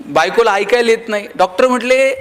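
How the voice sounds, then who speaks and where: High-pitched male motivational speaker who tells funny stories to an audience and acts out the characters in them. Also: a little fast, fairly bright tone. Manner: humorous storytelling, acting out quoted voices. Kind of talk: motivational speech to a live audience.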